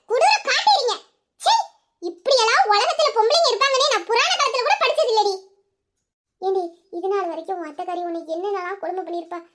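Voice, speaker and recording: A woman's voice: very high voice, a bit bright. A woman voicing an indignant young woman who scolds and curses her friend's cruel in-laws. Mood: outraged. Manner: scolding, cursing, heated. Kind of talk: Tamil audio story acting.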